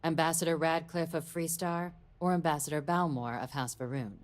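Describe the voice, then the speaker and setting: A woman's voice: low voice, steady tone, normal speed, natural voice. An actress voicing a composed female deputy diplomat in a video game, briefing in a formal tone.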